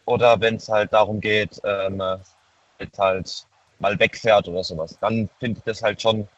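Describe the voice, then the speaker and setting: A man's voice: on the low side, fairly even intonation, unhurried, dry recording. A nineteen-year-old man from near Heidelberg calling in over the phone, talking hesitantly with many filler words. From near Heidelberg, Germany. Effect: heard over a phone line. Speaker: caller. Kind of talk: casual call-in chat. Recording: muffled dry phone line.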